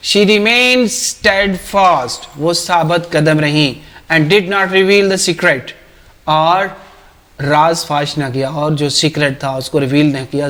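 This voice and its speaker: A man's voice: a little high, a bit bright. Pakistani male teacher translating a textbook. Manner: reads English text slowly, then explains fast in Urdu with quiz-like questions. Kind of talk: textbook lesson, reading English and translating to Urdu.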